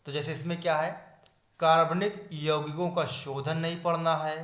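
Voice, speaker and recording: A man's voice: on the high side, normal speed, reverberant. A man teaching chemistry online, steadily listing topics and calling his viewers friends. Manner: steady listing tone, repeating "not to study", addressing viewers as friends. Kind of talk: online exam-syllabus lesson.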